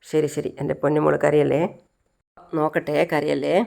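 A woman's voice: sits low, monotone, normal speed, gravelly, mellow. A woman voicing a worried young father pressing for answers. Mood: soothing. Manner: anxious, pressing questions.

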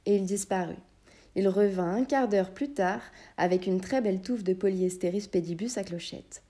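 A woman's voice: mid-range voice, moderate pace. Woman narrating a children's story. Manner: lively storytelling with many voices. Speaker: audiobook narrator. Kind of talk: scripted narration.

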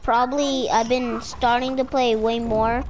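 Laid-back gamer host, high voice, noisy game capture behind. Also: female voice, little pitch movement, measured pace. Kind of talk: casual gameplay chat.

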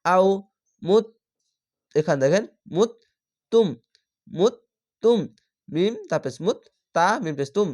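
A man teaching Quran reading who spells each word out slowly, syllable by syllable, then chants the whole word, and explains the rules patiently. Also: sits high, lively intonation, a little mellow. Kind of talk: spelling-out Quran recitation lesson.

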